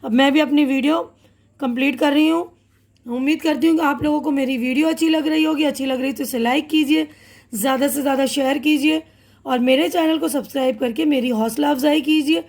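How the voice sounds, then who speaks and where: High-voiced woman teaching a class. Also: fairly even intonation, creaky, darkish tone. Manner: patient, repeats words and meanings slowly; mixes in English words. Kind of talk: classroom lesson explanation.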